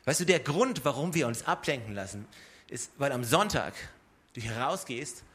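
Bright-voiced preacher man, conversational sermon. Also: medium pitch, lively intonation, normal speed. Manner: conversational, addresses listeners directly with rhetorical questions. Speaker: pastor.

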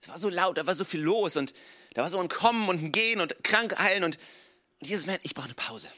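Male pastor, high bright voice, casual lively sermon delivery peppered with English asides. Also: fast. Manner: casual, animated storytelling sprinkled with English "come on".

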